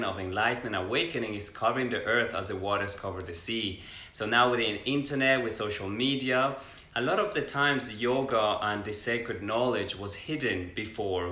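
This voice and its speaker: A man from Ecuador hosts a live stream as a yoga teacher, speaking in an earnest, sweeping, spiritual manner. His voice sits fairly low yet comes across bright and forward. The sound carries a roomy echo. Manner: earnest, expansive, spiritual phrasing. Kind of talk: casual live stream chat.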